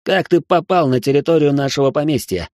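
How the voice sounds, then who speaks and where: A man's voice: on the high side, brisk, darkish tone, no echo, studio quality, pitched above the performer's own voice, natural voice. A man voicing a hot-tempered, arrogant young male heir in an audiobook, barking his questions angrily. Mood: angry, barking. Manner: angry barking.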